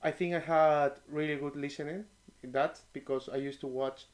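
A man's voice: fairly high pitch, fairly even intonation, normal speed. A man as an interview guest, telling stories animatedly with many restarts. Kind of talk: casual interview chat.

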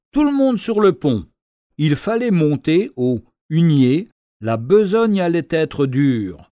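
A man narrates a story with slow, deliberate pacing. His slightly high voice moves expressively up and down. The recording is close and dry. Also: dark tone, no room sound.

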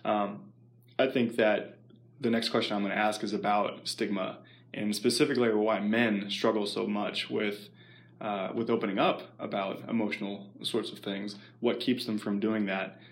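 A man hosting an interview, asking questions with hesitant phrasing and frequent filler pauses. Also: lowish voice, level tone. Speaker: interview host.

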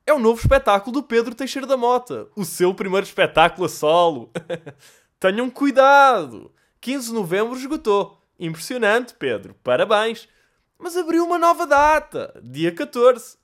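A man putting on the voice of a loud, theatrical male promo announcer. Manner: booming, overblown and theatrical.

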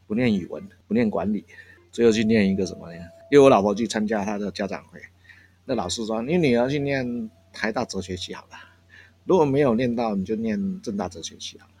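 A man's voice: fairly low pitch, a little mellow, a little hiss or hum. A man, a café owner telling family stories in a casual interview, chuckling often between phrases. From Taiwan. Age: 60s. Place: countryside coffee shop. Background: faint jazz from shop speakers.

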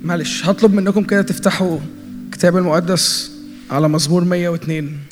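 A man's voice: high voice, fairly even intonation, fast talker. A young man with an Egyptian Arabic accent preaching a sermon, playfully teasing the congregation and mixing in English words. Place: large church hall. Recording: hall with long reverb and faint music.

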